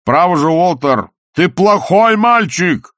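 A man's voice: mid-range voice, sing-song, normal speed, dry recording, studio quality. A man voicing a scheming, mocking male opera villain who speaks in a sneering, theatrical, taunting way. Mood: gloating.

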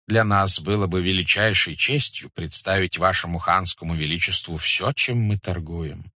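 A man's voice: low-pitched, normal speed, pushed and bright, no echo. A man doing a fawning merchant elder with flowery speech. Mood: servile. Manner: flowery, deferential, pleading. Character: obsequious older male Hanseatic merchant elder. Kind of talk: audiobook character voice.

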